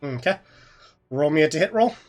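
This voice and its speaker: A man running a tabletop game as dungeon master, calmly explaining rules and calling turns. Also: fairly high pitch, brisk, faint music behind. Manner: patient, rule-explaining, easygoing.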